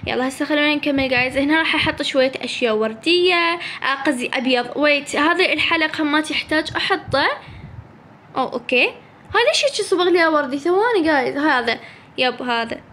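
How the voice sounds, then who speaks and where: Chatty high-voiced Iraqi woman gamer. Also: expressive, fast, sharp tone, a little hiss or hum. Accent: Iraqi Arabic. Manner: chatty, mixes in English phrases, teasing. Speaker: gaming channel host. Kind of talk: casual gameplay chat.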